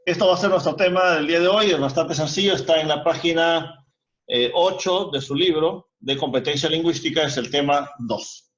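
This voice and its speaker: A man's voice: on the high side, normal speed, fairly bright tone. A male teacher giving a grammar lesson in an online class, explaining step by step and asking the students rhetorical questions. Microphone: video call. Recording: muffled video call audio.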